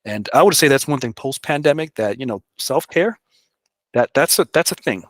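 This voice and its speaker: Man, mid pitch, candid interview guest, dry close recording. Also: lively intonation, moderate pace, dry recording. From the Bronx, New York. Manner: candid, conversational, often adds "you know". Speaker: public works director, guest. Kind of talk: casual interview talk.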